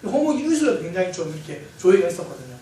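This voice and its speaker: A man preaching a Sunday sermon as pastor, telling stories in a lively way with light humor. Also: high voice, rapid-fire. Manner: lively storytelling with self-corrections and light humor. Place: church sanctuary. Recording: very echoey church hall, mic far off, faint hiss.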